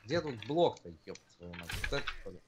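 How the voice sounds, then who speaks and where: A man's voice: fairly low pitch, sing-song, brisk, background noise. A man in casual gaming chat, grumbling and swearing heavily as he plays. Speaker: video game player.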